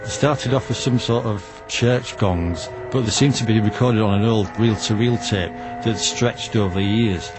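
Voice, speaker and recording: A man's voice: fairly low pitch, moderate pace, few pauses, music in the background. A man in an outdoor radio interview, answering in a detailed, matter-of-fact way as a radio enthusiast guest. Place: outdoors in a back alley. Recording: outdoor background noise.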